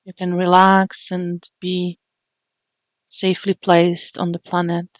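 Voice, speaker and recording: This meditation teacher's lowish voice is completely flat as she slowly and soothingly talks listeners through a body scan, pausing at length between phrases. There's no room sound, and the audio is dry and somewhat dull.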